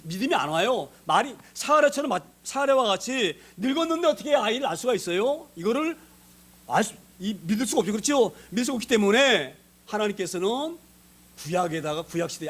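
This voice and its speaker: High-voiced Korean-speaking male pastor. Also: a bit bright. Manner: conversational preaching, asks the congregation questions. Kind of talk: sermon.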